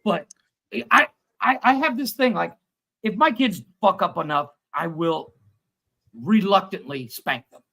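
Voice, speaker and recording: A man in his forties, co-hosting a casual live-streamed chat on a video call and telling crude, animated stories. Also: sits high, a little slow, gravelly. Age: 40s. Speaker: co-host.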